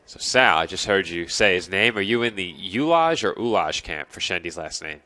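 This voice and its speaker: A congested man calling a college baseball game play by play, chatting and joking with his partner between pitches. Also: a little fast, bright, forceful tone, no echo. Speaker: play-by-play announcer.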